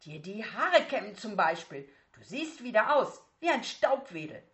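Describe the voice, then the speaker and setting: A woman voicing a brisk, dismissive mother who scolds. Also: mid-range voice, big pitch swings, dull audio, voice pushed up. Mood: scolding.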